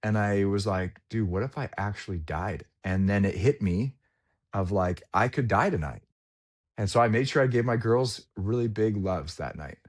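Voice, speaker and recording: Podcast guest, forties male, lower register, earnest and reflective with casual asides. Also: moderate pace, a little mellow. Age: 40s. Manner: candid, reflective storytelling with slangy asides.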